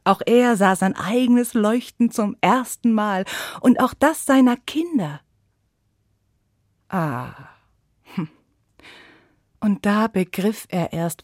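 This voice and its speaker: A woman telling a fairy tale for small children in a slow, unhurried voice, full of expression and sinking into whispers at tense moments. The recording is dry and close. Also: mid-range voice, dry recording. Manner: expressive, dropping to a whisper for suspense. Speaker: storyteller.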